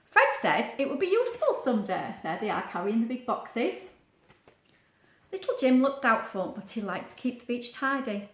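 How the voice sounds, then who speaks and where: Reading a picture book aloud for children, a woman stays expressive, stopping to explain words and put questions to the listener. She has a fairly high pitch and a moderate pace, in a roomy-sounding space.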